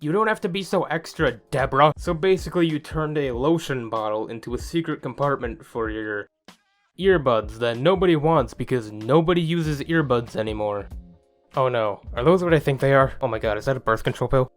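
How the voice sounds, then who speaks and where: A man's voice: medium pitch, animated, normal speed, faint music behind. A young man doing sarcastic, profane comedic commentary as a YouTuber, sometimes slipping into a mock infomercial voice.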